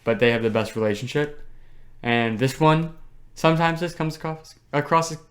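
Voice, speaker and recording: A man's voice: fairly high pitch, moderate pace. A young man co-hosting a casual podcast chat, enthusiastic and slangy, teasing his co-host.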